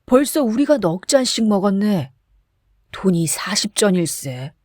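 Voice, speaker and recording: A woman's voice: medium pitch, sing-song, unhurried, darkish tone, no room sound, studio quality. Woman doing a fretting drinking buddy. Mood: worried. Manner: warning, fussing. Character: cautious middle-aged man, worried drinking companion.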